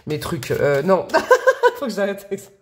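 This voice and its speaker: A woman's voice: fairly low pitch, a little fast, a little mellow, a little hiss or hum. A woman giving a casual tarot reading to camera. She is chatty and affectionate, fills her talk with asides and fillers, and sounds a little sniffly from allergies. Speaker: tarot reader.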